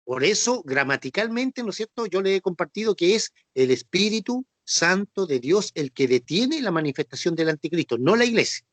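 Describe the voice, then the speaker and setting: A man's voice: sits high, very animated, normal speed, few pauses, a bit bright, no echo. Patient Chilean man teaching a Bible class. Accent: Chilean Spanish. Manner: patient and repetitive, with frequent "¿no es cierto?" and "ya" checks. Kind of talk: Bible class explanation with quiz questions.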